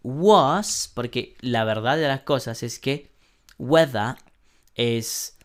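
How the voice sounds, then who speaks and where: A man teaching an online English lesson, slowly modeling sentences and translating them, often clearing his throat. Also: medium pitch. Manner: slow, patient explaining, modeling English sentences then translating.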